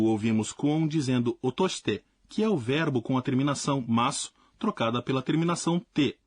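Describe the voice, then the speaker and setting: A man teaching a language lesson in a clear, explanatory scripted narration. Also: medium pitch, dry recording.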